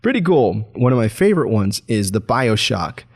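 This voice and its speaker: A man's voice: fairly low pitch, sing-song, normal speed, breathy edge. A man streamer giving a casual, chatty product demo with frequent chuckles. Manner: upbeat, chatty, chuckles often. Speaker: streamer reviewing gear.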